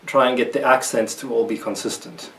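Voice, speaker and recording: In an instructional video lesson, a male guitar teacher explains technique patiently and methodically, counting along as he demonstrates with guitar playing in the background. His medium-pitched voice is steady and brisk, picked up slightly off-mic from a distant position in a roomy space.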